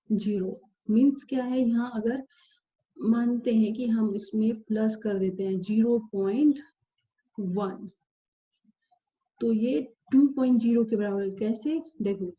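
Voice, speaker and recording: Slow, patient woman teaching math. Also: on the high side, lo-fi sound. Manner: patient, checks understanding with repeated questions; counts aloud slowly, repeats phrases. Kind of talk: slow step-by-step math lesson.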